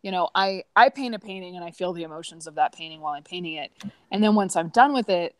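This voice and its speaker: A woman with a fairly low voice chats casually as an artist, telling animated stories and jumping way up in pitch whenever she quotes someone. The sound is dry and close, with no room around it. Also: quick pace, no echo. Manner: animated storyteller, rises high when quoting people. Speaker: artist, co-host. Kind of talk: casual chat.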